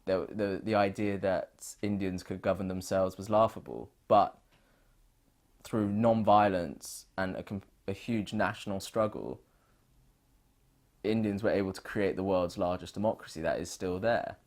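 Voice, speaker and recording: A British man with a very deep, low voice, being interviewed for an oral history. He talks in an earnest, reflective way. He often pauses and restarts his sentences as he thinks aloud. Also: darkish tone. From United Kingdom.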